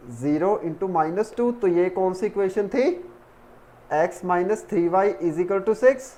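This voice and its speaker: Slow-talking male math tutor. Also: sits high, darkish tone. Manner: talks while working, counts terms aloud. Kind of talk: step-by-step math lesson.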